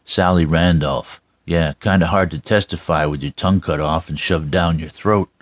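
A man's voice: low voice, steady tone, moderate pace, no echo, dull audio, lightly acted. A man voicing a blunt, slangy police lieutenant in audiobook dialogue. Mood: grim. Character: blunt, salty male police lieutenant in a crime story.

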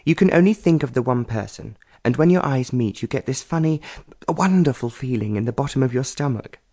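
A man's voice: medium pitch, animated, fairly quick, warm tone. A man voicing a pretty young society woman who is dreamy and lovestruck, talking in a gushing, sighing way.

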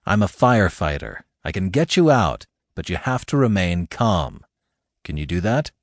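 A male narrator voicing a big, steady firefighter who talks calmly and firmly to reassure someone. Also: sits low, normal speed, no room sound, studio quality. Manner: calm, firm, reassuring.

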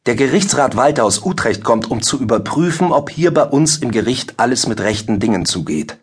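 A man's voice: mid-range voice, very animated, fairly quick, breathy edge. A man doing a needling two-faced court clerk. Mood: self-important. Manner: mock-concerned, needling.

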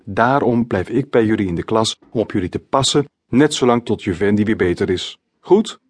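A man's voice: lowish voice, animated, normal speed, breathy edge. A man voicing a grumpy, reluctant male substitute teacher in a children's story.

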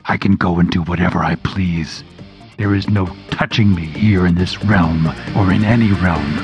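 A man voicing a cruel, savage male demon who hisses and taunts slowly. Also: sits low, fairly even intonation, vocal fry, lo-fi sound, over music, pitched below the performer's own voice. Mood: defiant. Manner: hissing, slow and taunting.

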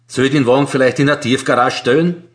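A man's voice: medium pitch, fairly even intonation, fast talker, close to an everyday voice. A man voicing a cocky, unbothered male robber. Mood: dry, offhand.

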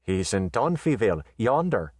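A calm, dangerous frontier man, as a narrator puts him on, speaking softly with dry understatement. The voice stays low-key and close. The sound is dry with no room. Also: normal speed, husky, no echo. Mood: wry. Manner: soft-spoken, dry and understated. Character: calm, wry, dangerous male western chore boy.

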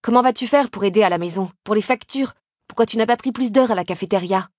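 A woman's voice: mid-range voice, fast talker, darkish tone, dry recording, lightly acted. A woman reading a tired, guilt-ridden young man from an audiobook, pleading and apologetic. His words come out tense and strained. The voice is dry and close, with no room sound at all. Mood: defensive. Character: guilty, worn-out young man leaving his sick wife.

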